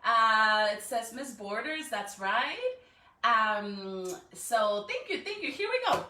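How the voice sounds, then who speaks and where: A woman with a fairly high, very animated voice speaks slowly with a sharp tone, far from the mic amid roomy echo. Hosting a read-aloud for elementary students on a live stream, she encourages the young children, often checking in with rhetorical questions and "right?", then reads a storybook.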